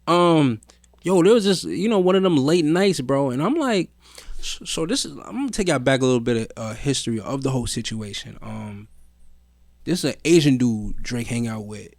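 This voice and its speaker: A man's voice: medium pitch, expressive, normal speed, no echo. A young man co-hosting a podcast, telling a long story in loose, slangy casual chat. His voice sits in a middle register and is recorded dry and close, with no room sound around it. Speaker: podcast co-host.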